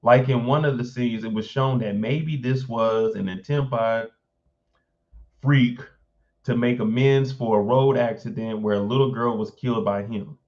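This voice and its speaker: A man's voice: medium pitch, steady tone, a little slow, a little mellow, muffled recording. A man hosting a casual live stream, reading an article aloud and breaking off to react with blunt, informal asides.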